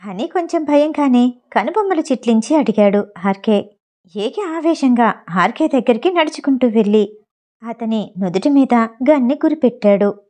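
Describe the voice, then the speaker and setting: A woman narrating a novel aloud in a steady storytelling delivery. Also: fairly high pitch, moderate pace. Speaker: audiobook narrator.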